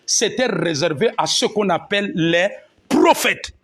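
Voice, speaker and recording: A man's voice: high voice, expressive, measured pace, a bit bright. A man preaching a teaching sermon, punctuating his points with amen and alleluia. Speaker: pastor.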